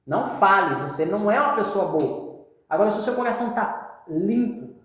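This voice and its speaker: A woman's voice: medium pitch, expressive, moderate pace. A woman with a Brazilian accent teaching from the Bible in an informal, emphatic way, using slang and repeating her points. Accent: Brazilian Portuguese. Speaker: preacher. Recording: very echoey room.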